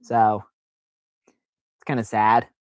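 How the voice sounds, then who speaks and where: A man's voice: on the low side, flat delivery, takes it slowly, darkish tone, no echo. Rambling man hosting a chill stream. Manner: rambling, self-deprecating, filler-heavy. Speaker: live stream host. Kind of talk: casual live stream chat.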